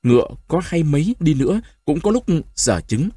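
A man reads the part of a gentle old grandmother who speaks softly and earnestly, soothing and pleading. Her voice is a little husky and moves lively up and down in this dry storybook reading. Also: a little high, moderate pace, no echo, pitched above the performer's own voice. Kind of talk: audiobook reading.

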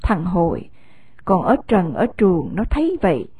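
Husky woman with a Southern Vietnamese accent reading a story. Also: fairly low pitch, sing-song, unhurried, dry recording, narrow, tinny audio. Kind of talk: scripted story narration.

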